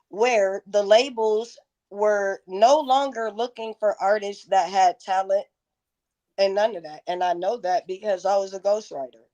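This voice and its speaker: A woman's voice: mid-range voice, mellow. Blunt, profane woman in her thirties. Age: 30s. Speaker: interview guest, songwriter. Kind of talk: casual interview.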